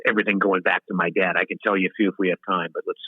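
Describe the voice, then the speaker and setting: Deep, slightly rough and level in tone, this man in his fifties fires off words rapidly while telling long, winding stories as an interview guest. The singer-songwriter often stops mid-sentence, restarts and laughs at himself, heard through a thin, very dry phone-like line with no echo.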